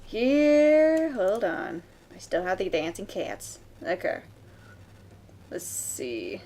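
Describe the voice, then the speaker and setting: A woman streamer chatting casually while she draws, rambling with many fillers and quick laughs. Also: medium pitch, sing-song, mellow, a little hiss or hum. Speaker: streamer drawing live. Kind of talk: casual chat while drawing. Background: faint background music.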